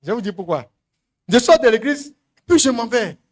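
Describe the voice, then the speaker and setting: A middle-aged Ivorian pastor with a high-pitched voice preaches in French with an Ivorian accent. He tells a testimony, acting out the people in it. His delivery swings from loud calls to near-murmurs. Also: big pitch swings, normal speed. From Côte d'Ivoire. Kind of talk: sermon.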